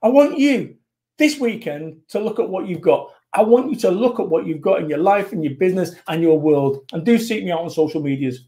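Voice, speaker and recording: A man from England, a motivational business speaker, talking bluntly and forcefully as a guest on a live online show. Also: sits high, lively intonation, fairly quick. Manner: blunt, punchy and forceful, acts out whiny quotes. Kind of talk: energetic motivational interview talk.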